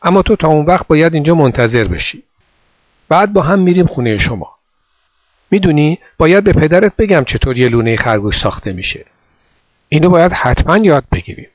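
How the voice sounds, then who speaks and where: A man reading a story voices a kindly bow-legged old man who speaks gently and coaxingly. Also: a little high, animated, dry recording, voice pushed up. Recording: dull dry recording.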